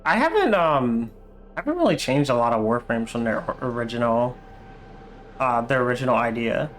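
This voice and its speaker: A man's voice: mid-range voice, expressive, moderate pace, soft background music. Rambling, self-correcting male streamer. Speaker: livestreamer playing a video game. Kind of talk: casual gameplay commentary.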